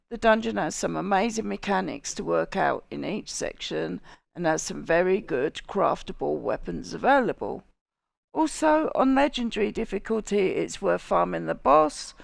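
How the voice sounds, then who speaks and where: A woman's voice: mid-range voice, creaky, dry recording. A woman with a Cockney accent narrating a casual video game guide. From England. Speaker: gaming video host.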